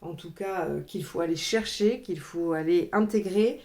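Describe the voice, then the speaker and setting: Her voice sits fairly low, with a darkish tone and a moderate pace. This tarot reader keeps things casual and chatty, addressing her viewers directly and sprinkling her reading with frequent "hein" asides.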